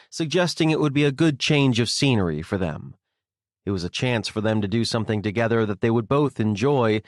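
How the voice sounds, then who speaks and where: Low, wry male audiobook narrator. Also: no echo, clean studio sound. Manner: wry, sardonic. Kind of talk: scripted first-person narration. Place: recording studio. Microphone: close studio mic.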